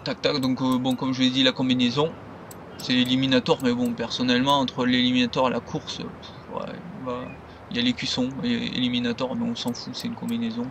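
A man's voice: mid-range voice, little pitch movement, brisk, gravelly, fairly bright tone, a little hiss or hum. A man giving loose, rambling commentary over his gameplay as a gaming video creator.

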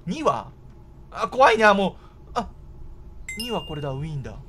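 High-pitched, animated male game commentator. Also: moderate pace, background noise. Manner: exclaiming, startled, repeats words. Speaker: gameplay commentator. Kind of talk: excited horror game commentary.

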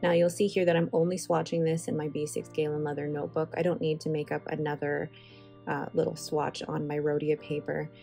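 With a deep, warm voice, vocal fry, and little pitch movement, this woman talks fairly quickly. She's a stationery channel host of Filipino heritage, chatting enthusiastically and rambling off on asides in a casual voice-over while swatching inks. It was recorded separately, with faint music behind.

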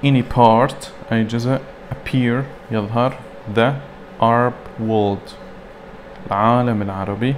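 A man teaching an English lesson. He reads English words slowly and then translates them. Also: mid-range voice, flat delivery, slight background noise. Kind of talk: recorded classroom lesson.

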